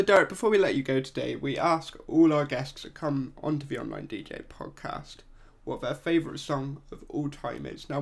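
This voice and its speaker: A man's voice: mid-range voice, creaky. A man hosting a podcast, putting conversational questions to his guest. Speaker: podcast host. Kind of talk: interview questions.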